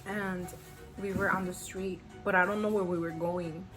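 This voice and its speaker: A woman's voice: lowish voice, fairly even intonation, moderate pace, low-quality recording. A young woman telling a personal story on her channel in a casual, slangy way, with many fillers. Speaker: YouTuber. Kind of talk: storytime vlog. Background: background music.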